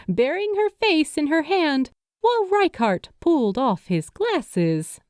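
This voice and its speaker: A woman narrating a novel as an audiobook. She reads slowly with a lively, melodic rise and fall, on a fairly high voice. The recording is dry and close, with no room sound. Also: clean tone, no echo. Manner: expressive, unhurried storytelling.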